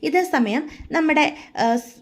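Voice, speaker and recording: A woman's voice: high-pitched, slow pace. A woman retelling a serial's scenes, reading out every character's lines in her own voice. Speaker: storyteller. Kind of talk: serial recap narration.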